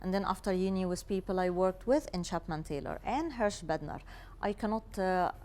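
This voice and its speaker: A woman's voice: fairly low pitch, normal speed, darkish tone. Egyptian-born woman, candid and laughing. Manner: candid, self-deprecating, laughs easily. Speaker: interior designer, guest. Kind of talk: casual interview talk.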